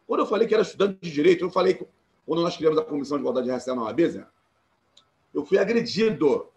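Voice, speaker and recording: A man's voice: fairly high pitch, lively intonation, fast talker, darkish tone. A Brazilian man with a Carioca accent, in his forties, speaking earnestly and emphatically as a panelist on a live video call, often restarting his sentences. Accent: Carioca Portuguese. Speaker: panelist, former law student and activist. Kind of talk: live-streamed panel talk.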